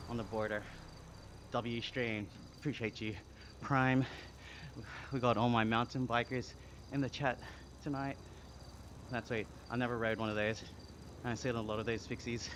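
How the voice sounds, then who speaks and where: A young Australian man talks loosely and easily on a live stream, answering his chat in a laid-back way. His voice sits at an ordinary middle pitch. Steady background noise with insects buzzing runs under him. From Sydney, Australia. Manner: relaxed and chatty, reading chat aloud. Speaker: livestreamer.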